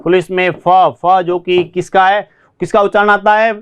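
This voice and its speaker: A man's voice: high-pitched, flat delivery, measured pace, fairly bright tone, clean tone. A man with an Indian accent teaching spoken English, repeating key words and asking and answering his own questions.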